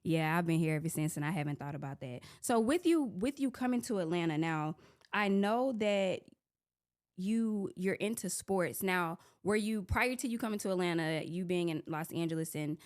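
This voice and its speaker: A woman from Florida hosts a relaxed podcast interview. Her voice sits a little low, and her talk is loose and chatty. She fills her questions with "like". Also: moderate pace. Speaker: podcast host. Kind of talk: casual interview chat.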